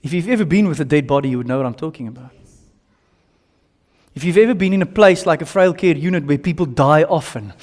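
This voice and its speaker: A man's voice: on the high side, expressive, quick pace, a little mellow. A man with an Afrikaans South African accent preaching a sermon in emphatic short phrases, repeating himself and putting questions to his listeners. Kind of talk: sermon with slides and audience questions. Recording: long hall reverb.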